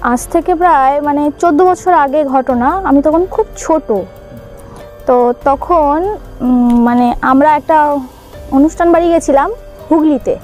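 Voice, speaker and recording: A woman's voice: high-pitched, unhurried, pauses often, a little mellow, faint music behind. A young woman recounting a childhood ghost experience in a casual, hesitant way, with many fillers and restarts. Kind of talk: casual spoken true ghost story.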